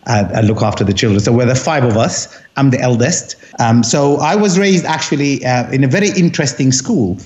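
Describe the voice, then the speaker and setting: As an interview guest, a Sudanese doctor in his fifties talks in a thoughtful, conversational way, with many restarts and fillers. His medium-pitched, slightly mellow voice moves fairly quickly with few pauses, and the audio is dull.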